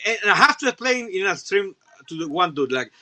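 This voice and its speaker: A man whose first language is Spanish, chatting casually as a guest, animated and full of restarts. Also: sits high. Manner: halting, many restarts, animated. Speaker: guest toy reviewer. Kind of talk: casual chat.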